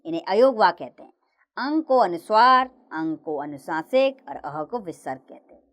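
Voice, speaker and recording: A woman teacher narrating a grammar lesson for children, reciting the letters slowly and clearly. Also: lowish voice. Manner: slow, clear recitation of letters with lively sing-song rises and falls.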